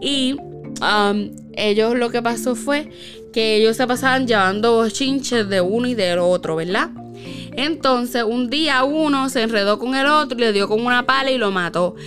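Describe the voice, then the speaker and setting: A woman's voice: a little high, normal speed, music in the background. A woman casually telling a spooky personal story, with lots of fillers and tag questions.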